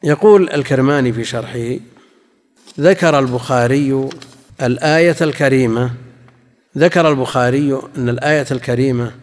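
A man giving a classical religious lesson, measured and explanatory, often repeating key phrases for his listeners. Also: mid-range voice. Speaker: Islamic scholar teaching hadith commentary. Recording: long reverb in a large hall.

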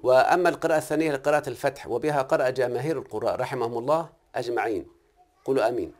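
A man with an Egyptian Arabic accent talks quickly through a grammar lesson, pressing his student with questions. His voice sits at an ordinary middle pitch. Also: a little mellow. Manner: questioning, repeatedly checks the student understands. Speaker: Quran recitation teacher. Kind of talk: one-on-one grammar and recitation lesson.

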